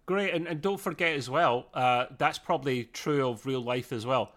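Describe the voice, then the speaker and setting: A man's voice: mid-range voice, normal speed, a bit bright. A man with a British accent co-hosting a podcast, chatting casually in a rambling, self-interrupting way. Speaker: podcast co-host. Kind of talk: casual review chat.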